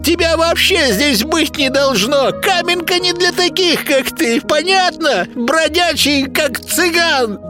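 Guy doing a screechy grumpy old village granny, high and snappy, really swoopy. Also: very animated, slow pace, hardly any pauses, over music, heavily acted. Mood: snapping. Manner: shrill, tearful, snapping. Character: grumpy old village woman, sharp-tongued.

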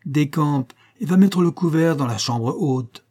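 Brief: male narrator voicing a rough-voiced, domineering old father, raised pitch, curt and stubborn. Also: unhurried, warm tone. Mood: angry scolding. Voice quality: rough, growling. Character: gruff older man, stubborn bossy father.

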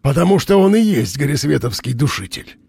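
A man reading an audiobook, voicing a gruff, sardonic middle-aged investigator. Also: fairly high pitch, very animated, brisk, a little mellow, no echo, heavily acted. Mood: gruff, mocking.

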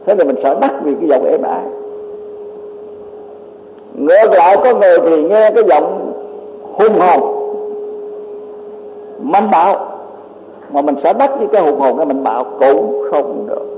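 A high-pitched man lectures as a Buddhist monk, teaching his listeners and posing rhetorical questions. His voice rings in a roomy hall with a long reverb tail. The recording is dull and lo-fi, with a faint hiss behind it. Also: lively intonation, moderate pace, pauses often. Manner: rhetorical questions, many repeated filler words.

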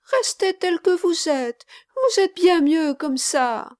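A woman voicing a small tearful boy who begs a girl not to leave, in a high, crying voice. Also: expressive, slow pace, darkish tone, no room sound, studio quality, heavily acted. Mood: pleading, tearful.

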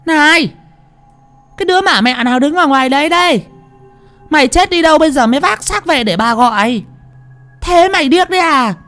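A man voicing a bossy old woman, the mistress of the house, in a high shrieking falsetto. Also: lively intonation, brisk, pauses often, sharp tone, faint music behind, exaggerated voice. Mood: angry.

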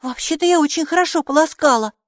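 A woman voicing an eager six-year-old girl who argues back readily, in a high, childlike voice for a storybook. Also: a little slow, no room sound, studio quality. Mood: indignant.

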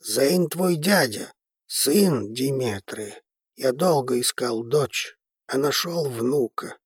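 Male reader as an old family head; calm, measured, very slow; audiobook. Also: mid-range voice, husky, no room sound, clean studio sound. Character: calm, commanding old grandfather patriarch. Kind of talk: audiobook character reading.

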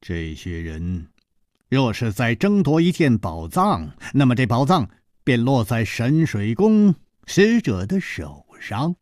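A man narrating a Chinese storytelling reading, expressive and measured. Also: mid-range voice, no room sound, studio quality.

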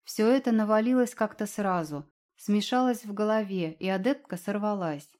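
Woman, audiobook narrator, expressive fantasy storytelling. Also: mid-range voice, normal speed.

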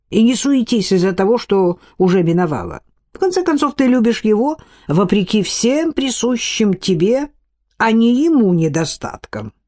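A woman's voice: mid-range voice, mellow. A woman reading an audiobook, voicing a verbose middle-aged male doctor with an ornate, lecturing manner.

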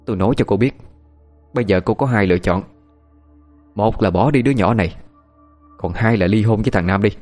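Male narrator as cruel older mother-in-law, berating, low voice, soft music bed. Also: a little fast, pauses often, lightly acted. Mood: cold. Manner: berating, contemptuous.

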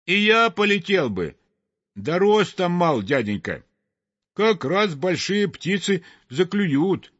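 A man's voice: high-pitched, sing-song, slow pace, fairly bright tone, dry recording, pitched above the performer's own voice, full character voice. A man voicing a small timid male sandpiper bird in a storybook reading, pleading and earnest. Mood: meek. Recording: dull dry lo-fi recording.

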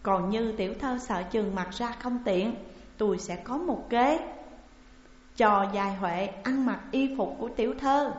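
A woman voicing a loyal old nursemaid who explains a plan in a steady, reassuring way. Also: medium pitch, lightly acted. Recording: dull, echoey recording with long reverb.

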